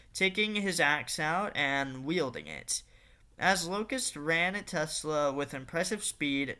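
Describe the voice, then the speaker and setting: A man's voice: fairly high pitch, pushed and bright, clear, resonant tone. A man narrating a fan-made story in a casual reading style, with occasional fillers and restarts.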